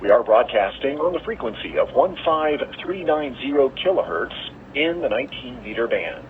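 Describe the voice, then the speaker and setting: A man reading a scripted station identification with a lively announcing tone, heard over a shortwave radio broadcast. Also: medium pitch, moderate pace, a little hiss or hum. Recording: tinny shortwave radio reception.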